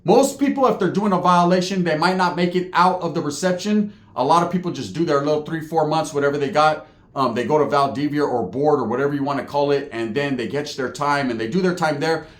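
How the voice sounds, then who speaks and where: A man's voice: fairly high pitch, a little fast, roomy sound. A man telling a story about his time in prison, streetwise and profane, full of slang and asides. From California. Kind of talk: casual storytelling.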